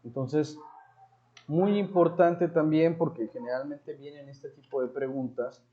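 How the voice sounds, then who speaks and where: Mexican male teacher, highish voice, slow explanatory delivery, dull recording. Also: fairly even intonation. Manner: slow, explanatory, repeats words while thinking. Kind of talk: online grammar lecture. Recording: dull lo-fi audio.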